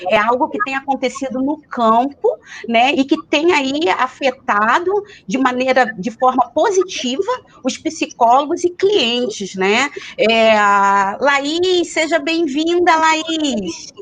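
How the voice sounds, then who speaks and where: Woman hosting a live chat over a video call. Her voice is a bit high, and she hesitates a lot with tag questions. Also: slow, fairly bright tone. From Rio de Janeiro, Brazil. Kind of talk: casual live-stream chat.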